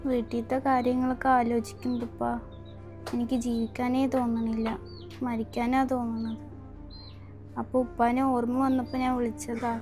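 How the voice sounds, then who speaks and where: A woman's voice: on the high side, little pitch movement, normal speed, natural voice. A woman playing a sad young daughter who hides her tears, speaking in a subdued way. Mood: sad, plaintive. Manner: subdued, plaintive. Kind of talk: home-made family drama acting. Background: background music.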